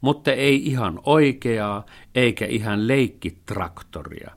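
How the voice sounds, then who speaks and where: A man's voice: medium pitch, animated, creaky, pitched above the performer's own voice. A man voicing a cheerful, earnest young boy in a storybook reading. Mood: polite.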